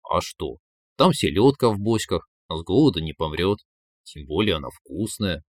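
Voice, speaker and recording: Man voicing a sly lazy villain, low slow drawl, lively storybook delivery. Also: no echo, clean studio sound.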